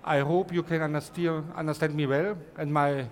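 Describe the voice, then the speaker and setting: German-accented man presenting, halting and high. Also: steady tone. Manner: halting, many restarts and repeated words. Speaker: conference presenter. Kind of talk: technical presentation.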